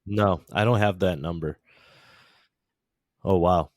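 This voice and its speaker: A man's voice: low voice, slow pace, no echo, clean studio sound. A man hosting a podcast, ranting casually and swearing often. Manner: profane, ranting. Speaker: podcast host.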